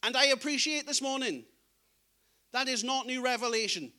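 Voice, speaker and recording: High bright-voiced male preacher. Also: normal speed. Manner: earnest, conversational, acts out scripture dialogue. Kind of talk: sermon.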